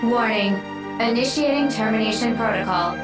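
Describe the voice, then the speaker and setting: A hostile female combat robot speaks in flat, mechanical announcements through a robotic filter. The voice sits slightly high and rings with echo, heard from a distance. Loud game music runs behind it. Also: normal speed. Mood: cold.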